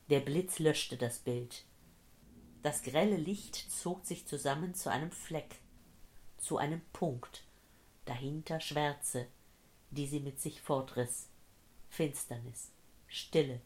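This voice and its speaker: A woman reading a tense thriller as an audiobook narrator, measured and steady. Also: sits low. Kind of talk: scripted narration.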